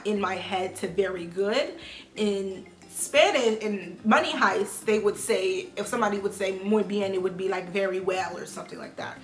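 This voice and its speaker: A young woman vlogging casually to camera, animated and slangy, jumping between loud outbursts and quiet asides. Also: medium pitch. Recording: echoey room with faint music.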